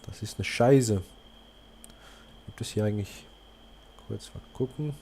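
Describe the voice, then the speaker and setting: A man's voice: lowish voice, a little slow, mellow. A man from Switzerland with a Swiss German accent, commenting on his own gameplay, swearing and muttering to himself. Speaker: gaming video creator.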